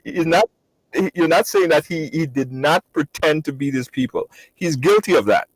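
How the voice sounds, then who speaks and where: Guy host asking questions, bouncy pitch, dry close sound. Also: lively intonation, moderate pace, slightly rough, no room sound, low-quality recording. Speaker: interviewer. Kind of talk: interview questions.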